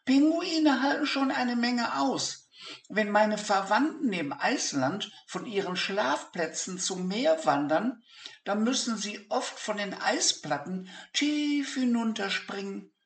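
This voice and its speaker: A reader voicing a small, gentle, homesick talking plush penguin in a storybook read-aloud. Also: animated, slow pace. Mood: cheerful. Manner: high, squeaky toy voice. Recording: echoey room.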